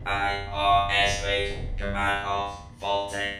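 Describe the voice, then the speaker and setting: A stern security robot on duty, reading out its orders in a very low, completely flat monotone at an unhurried pace. The voice rings with a heavy echo. Loud music plays behind it. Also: male voice. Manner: flat, clipped, monotone announcements.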